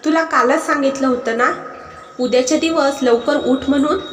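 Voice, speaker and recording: A woman's voice: high voice, moderate pace, close to an everyday voice. A woman voicing a young male farmer, a patient husband who turns firm and scolding. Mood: stern. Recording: echoey hall with music behind.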